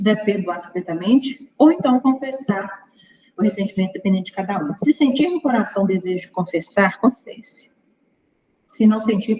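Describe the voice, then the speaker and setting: A woman's voice: medium pitch, a little mellow, husky, muffled recording. A woman teaching a church Bible study class in a conversational way, often acting out little exchanges between people. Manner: conversational, acts out little dialogues. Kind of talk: Sunday school teaching.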